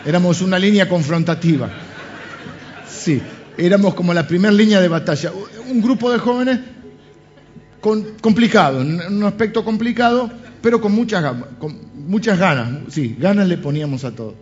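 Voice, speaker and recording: Animated Rioplatense preacher man, lo-fi. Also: high voice, moderate pace. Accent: Rioplatense Spanish. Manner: animated storytelling with jokes and asides. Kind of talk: humorous sermon anecdotes. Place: church. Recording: dull lo-fi sound with faint music.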